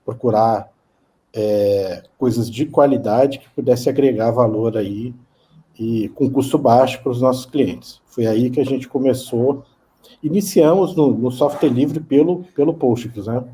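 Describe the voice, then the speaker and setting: A man's voice: medium pitch, a little slow, warm tone. A man in his fifties with a Brazilian Portuguese accent, answering interview questions hesitantly and often repeating words. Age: 50s. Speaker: guest.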